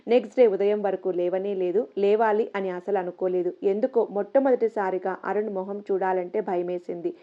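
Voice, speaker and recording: A woman narrating a first-person story in a soft, steady reading voice. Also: mid-range voice, moderate pace, hardly any pauses. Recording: slightly dull lo-fi audio.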